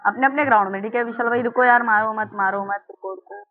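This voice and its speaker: A man, giving loud, excited commentary on his own gameplay as a channel host and calling out to his opponent. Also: high voice, fast, no room sound, narrow, tinny audio. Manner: loud, exclamatory, bossing his opponent around.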